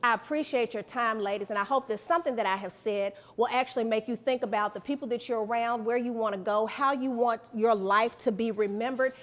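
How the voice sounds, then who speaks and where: Guest speaker: high-pitched middle-aged woman, motivational and repetitive, preacherly. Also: a little fast, few pauses. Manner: animated, preacherly, repeats lines for emphasis. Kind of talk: motivational speech to students.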